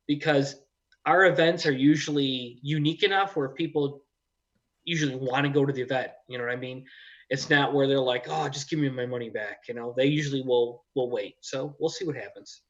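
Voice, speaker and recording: A man's voice: medium pitch, brisk, fairly bright tone. A man hosting a casual live chat, explaining things in a plain-spoken way. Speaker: event organizer and show host. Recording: dull lo-fi audio.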